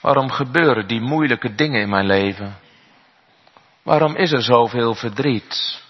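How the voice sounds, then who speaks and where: A man's voice: mid-range voice, unhurried, slight background noise. A man preaching a sermon as a pastor, earnest and full of rhetorical questions, in a church. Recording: echoey hall, dull sound.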